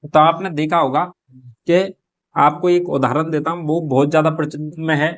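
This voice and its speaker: A man works through a model paper like a classroom teacher. His voice sits a little high for a man. He poses a question to his students and then answers it himself. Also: steady tone, normal speed. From Rajasthan. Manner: explains step by step, asks and answers his own questions. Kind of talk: exam prep lesson, solving a model paper.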